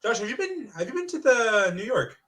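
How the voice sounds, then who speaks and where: A man's voice: extremely high pitch, big pitch swings, brisk, fairly bright tone. A young man hosting a casual podcast chat, asking lots of questions, joking and laughing easily. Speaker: podcast host.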